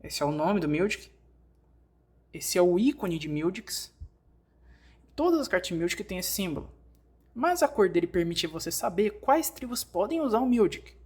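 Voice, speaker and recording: In a fairly low, darkish voice, a woman with a Brazilian Portuguese accent reads scripted instructional narration aimed right at the listener, fan-dubbed tutorial style. She's very animated, speaks at normal speed, and pauses often.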